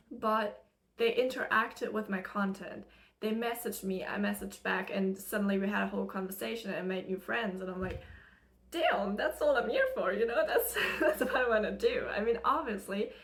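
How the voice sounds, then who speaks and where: A spiritual channeler and content creator, young, from Germany and with an American English accent, chats while doing her makeup in a get-ready-with-me clip. Her voice is on the high side and a bit bright. She rambles chattily with lots of laughter and fillers, close to the camera she uses as a mirror.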